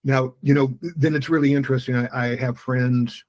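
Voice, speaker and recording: A man's voice: medium pitch, fairly even intonation, fairly quick, a little mellow. A middle-aged man hosting a podcast in casual conversation, restarting words often, swearing casually and poking fun at himself. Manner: stammering restarts, casual swearing, self-mocking. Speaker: podcast host.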